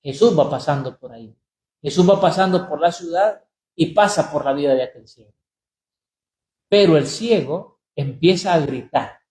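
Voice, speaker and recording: A priest giving a sermon, speaking deliberately, repeating phrases and slowing down on key words for emphasis. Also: male voice, a little high, a little mellow. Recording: roomy echo.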